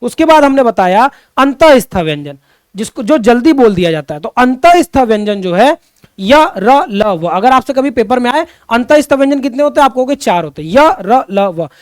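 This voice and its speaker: In a classroom-style online lesson, a man teaches Hindi grammar, often repeating his questions and calling his students children. His voice is very high and very animated at normal speed, with a clean tone and clean studio sound with no room noise.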